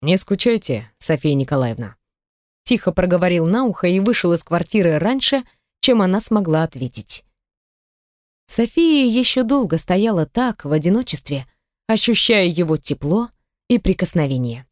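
A woman narrating an audiobook in an expressive, varied reading. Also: lowish voice, moderate pace, dry recording, studio quality. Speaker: audiobook reader. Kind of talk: scripted narration.

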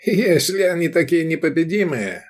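A man's voice: on the high side, very animated, normal speed, pitched above the performer's own voice. A man reading an audiobook voices a shrewd middle-aged male slave dealer, drawling and bargaining slyly. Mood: haggling.

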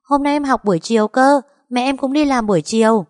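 A woman voicing a cheerful, innocent little boy in a storybook reading, with a high childlike voice. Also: fairly quick, darkish tone, dry recording, clean studio sound, lightly acted. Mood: eager.

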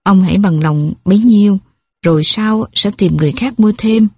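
A woman's voice: medium pitch, moderate pace, mellow, husky, dry recording, clean studio sound. A woman voicing a brusque, impatient male clinic clerk in an audiobook story, speaking curtly. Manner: curt, impatient.

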